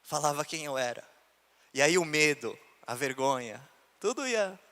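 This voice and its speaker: A man's voice: on the high side, animated, normal speed, a bit bright. A man, a pastor telling his own story in a sermon, acting out the voices of the people he quotes. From Brazil. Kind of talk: sermon testimony. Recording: long reverb of a church hall.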